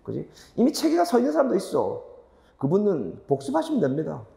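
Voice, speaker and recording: A male grammar teacher lectures in a roomy hall with long reverb. His voice sits a little high yet mellow, and his pitch swings widely as he fires rhetorical questions at his students and drives points home by repeating them. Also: wildly swooping pitch, fairly quick, gravelly.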